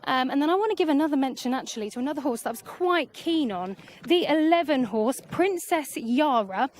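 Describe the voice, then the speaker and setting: High-voiced woman reporting from the paddock. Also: expressive, a little fast. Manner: chatty, assessing horses as they pass. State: out of breath. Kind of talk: live horse racing paddock report. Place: outdoor parade ring at a racecourse.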